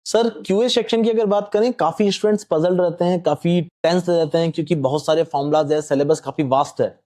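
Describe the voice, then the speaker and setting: Man, high-pitched, dark mellow tone, patient maths teacher explaining. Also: brisk. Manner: explains patiently, addresses host as sir. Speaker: quant teacher. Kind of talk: explanatory panel talk.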